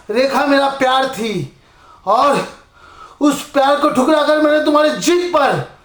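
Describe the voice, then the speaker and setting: A man's voice: very high voice, reverberant. A man playing a heartbroken young son who has been poisoned by his mother, pleading with her in a solo stage monologue. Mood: sorrowful.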